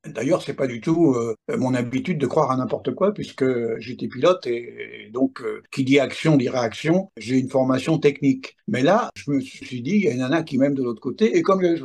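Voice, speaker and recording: A man's voice: mid-range voice, normal speed, hardly any pauses, a little mellow, breathy edge. A man in his seventies gives a personal testimony in an interview, telling it emphatically with little asides. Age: 70s. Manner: emphatic storyteller, adds asides like "hein, attention". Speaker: interviewee recounting paranormal experiences.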